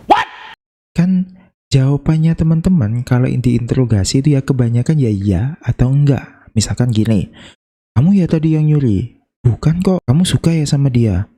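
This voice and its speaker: A man from Indonesia teaching an English lesson in a casual, chatty way, slowing down to act out example questions. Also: medium pitch, dark tone. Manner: chatty, playful, slows down to demonstrate intonation.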